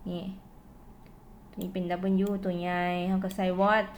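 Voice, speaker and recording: A woman with a Lao accent teaching English at home. She says English phrases slowly and carefully, then quickly translates each one. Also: mid-range voice, flat delivery, slight background noise. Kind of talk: casual spoken lesson.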